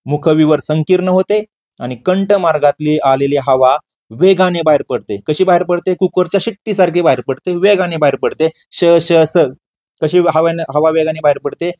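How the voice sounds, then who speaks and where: A man's voice: a little high, fairly quick, darkish tone. A man teaching an exam-prep grammar lesson, firing questions at his students and answering them himself, repeating key words.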